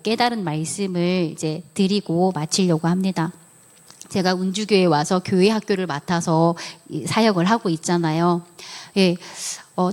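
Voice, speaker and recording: A middle-aged woman giving a sermon testimony in church, telling her story earnestly and acting out her own prayers and conversations. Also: lowish voice. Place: church sanctuary.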